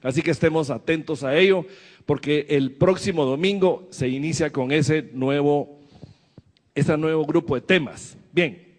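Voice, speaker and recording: A man's voice: on the high side, unhurried, big-room sound. A man preaching a sermon to his church, asking the congregation questions as he goes. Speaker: pastor.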